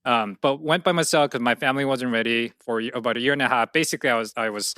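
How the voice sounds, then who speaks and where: A man's voice: mid-range voice, quick pace, pushed and bright, no room sound, clean studio sound. A young man, a guest telling his story thoughtfully in a casual interview, with many fillers and restarts. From South Korea. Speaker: guest, entrepreneur.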